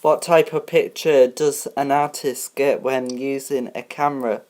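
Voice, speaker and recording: Very low, slow-talking woman hosting a homemade quiz. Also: fairly even intonation, a little mellow. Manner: halting, many ums and restarts. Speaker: game show host. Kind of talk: homemade game show parody.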